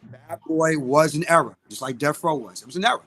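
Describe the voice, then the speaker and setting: A Brooklyn-accented man, a singer and music producer, speaks as a guest on a live podcast interview. His voice is fairly high, fairly quick, and fairly bright, and he's outspoken and emphatic, repeating phrases for stress.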